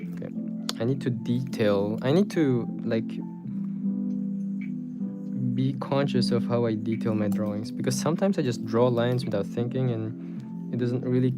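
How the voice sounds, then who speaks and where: Guy livestreaming while he draws, chatting to viewers in slang, repeats himself, medium pitch, guitar music behind. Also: fairly even intonation, moderate pace, pauses often. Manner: informal, slangy, repeats words. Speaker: art livestreamer. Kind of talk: casual livestream chat while drawing, reading comments aloud.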